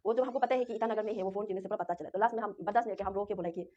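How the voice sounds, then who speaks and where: Speaking very fast in a warm, mid-range voice, this interviewee is a young woman from Arunachal Pradesh, Northeast India, who grew up with a local language as her first tongue. She retells what happened to her in a distressed, repetitive, rambling way, captured on a dull lo-fi recording.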